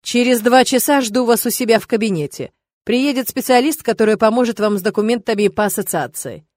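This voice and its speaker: A stern, commanding male dragon rector, read by a woman audiobook narrator. He drags his words out slowly with quiet menace, in a dry, close studio sound with no room at all. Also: on the high side, no room sound, lightly acted. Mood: firm. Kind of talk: audiobook character reading.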